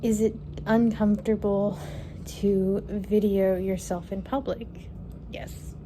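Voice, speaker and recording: A relaxed young woman in her twenties chats through viewer questions, thinking aloud and trailing off with fillers. Her voice sits at an ordinary mid pitch. She records on her phone at home, with a clear hiss of background noise. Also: slow. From Kentucky. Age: 20s. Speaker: vlogger. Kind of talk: casual Q&A vlog. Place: her apartment, indoors. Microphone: phone camera.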